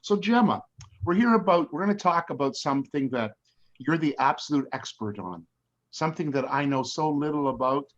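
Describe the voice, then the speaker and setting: Older male host, halting and repetitive, mid pitch; slightly muffled recording. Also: animated. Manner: halting, repeats words while starting questions. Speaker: interview host. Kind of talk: casual interview. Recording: slightly dull lo-fi sound.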